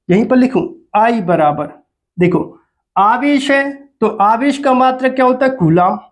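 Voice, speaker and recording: A man lectures a physics class in a strikingly high voice. He speaks slowly and deliberately, repeating key terms and pausing to ask his students questions before answering them himself. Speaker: physics teacher.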